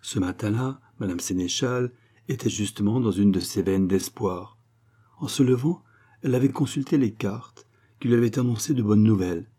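A male audiobook narrator reading a classic novel in scripted literary narration. His voice is low and dark, with a husky texture, and his reading stays measured and even.

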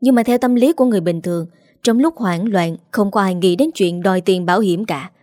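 A sharp, probing young woman, read by a woman. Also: mid-range voice, fairly quick, no echo, close to an everyday voice. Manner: pointed and probing. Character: sharp, suspicious young woman confronting liars.

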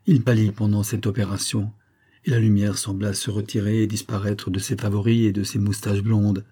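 Male audiobook narrator, measured storytelling, low husky voice. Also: flat delivery, mellow. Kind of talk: scripted narration.

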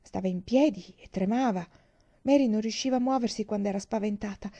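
A woman reads a children's story aloud in a gentle, measured way. Her tone is mellow and warm, and her pitch sits in an ordinary middle range. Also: dull audio. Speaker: audiobook reader.

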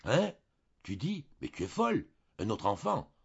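An irritable young husband snaps and sneers in a husky, lively voice, put on by a man reading a storybook. The recording is dull and lo-fi. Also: medium pitch, measured pace, full character voice. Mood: scornful.

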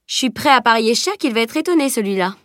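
Cheeky joking teen boy, woman reading him, lively and playful in a storybook. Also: fairly high pitch, quick pace, no echo, studio quality, voice pushed up. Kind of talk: audiobook character reading.

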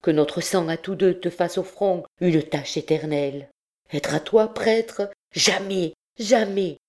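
A woman reading the part of a defiant young woman prisoner in an audiobook, cold and fierce, her voice raised higher. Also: slow pace, darkish tone. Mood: furious.

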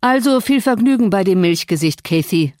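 A woman's voice: medium pitch, lively intonation, normal speed, a little mellow, no echo, close to an everyday voice. Woman reading as a brooding vengeful man, mocking, threatening, dry recording, audiobook.

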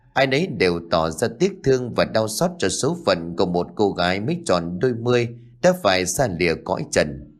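A man narrating a ghost story in an expressive, dramatic way. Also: fairly low pitch.

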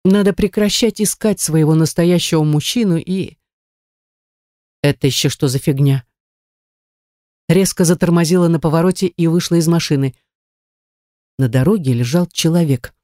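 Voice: medium pitch, normal speed, long pauses, warm tone, no room sound, clean studio sound. An audiobook narrator telling a first-person story in a brash, crude and sardonic way, in a mid-range voice.

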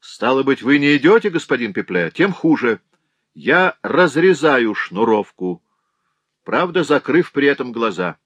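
A piercing, high-pitched stranger, as a male reader puts him on shouts pushily from upstairs in an audiobook. The shrill voice sits far above the reader's own low tone. The recording is dry and close. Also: sing-song, unhurried, no room sound, highs cut off. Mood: mock threat. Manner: urgent, insistent shouting. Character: mysterious shrill male voice calling from upstairs, pushy.

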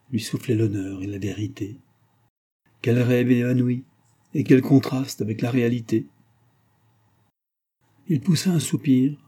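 A man reading a novel aloud as an audiobook narrator, in a measured literary way. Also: mid-range voice, mellow, breathy edge. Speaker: audiobook reader. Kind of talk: scripted narration.

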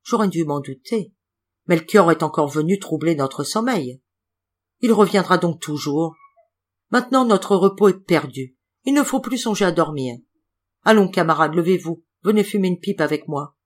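A woman reading an audiobook, voicing an older male innkeeper with a rough, brooding manner. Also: lowish voice, animated, moderate pace. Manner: gruff, then brooding and solemn.

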